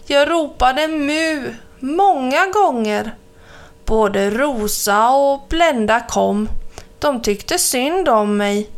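A woman voicing a gentle, plaintive mother cow in a children's story, talking softly and a little slowly. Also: high-pitched.

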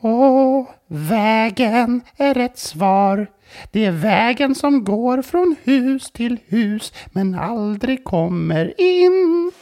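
A storyteller voicing a sleepy bearded riddle-setter who sings everything it says, stretching the words out slowly. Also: medium pitch, lively intonation, a little mellow, pitched above the performer's own voice, lightly acted. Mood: sing-song. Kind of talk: children's story voice acting.

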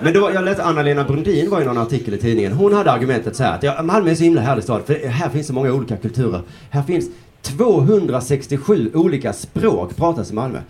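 A man's voice: mid-range voice, sing-song, darkish tone. A man in his forties doing a stand-up comedy set on stage, rambling loosely, swearing and slipping into mock voices. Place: comedy stage before a laughing audience. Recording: live crowd laughter behind.

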